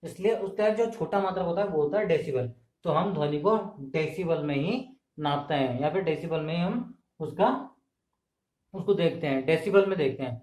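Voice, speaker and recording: Filmed on camera in an echoey indoor room, a man gives an exam-prep classroom lecture, repeating key terms and answering the questions he raises. His voice is on the high side with a darkish tone, at normal speed.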